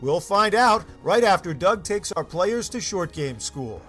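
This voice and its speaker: A man's voice: sits high, sing-song, measured pace, fairly bright tone, husky, soft background music. A man narrating a golf competition show as a commentator, in scripted sports narration.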